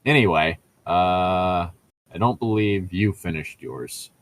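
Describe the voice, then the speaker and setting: He speaks slowly in a low-pitched voice, co-hosting a podcast where he comments on a book. The mood is light and comedic, with rambling tangents and self-corrections.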